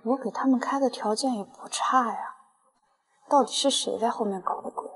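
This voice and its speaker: A betrayed young chairwoman in a short drama. Her fairly high voice is stern and indignant, ringing in a long reverb. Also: normal speed, breathy edge. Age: young adult. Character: betrayed, defiant young female company chairwoman.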